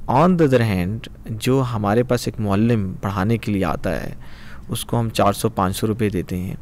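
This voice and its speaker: A man hosting a podcast, asking questions in a hesitant way with frequent pauses and English phrases mixed in. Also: on the low side, darkish tone, a little hiss or hum. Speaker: podcast host. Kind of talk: conversational podcast interview.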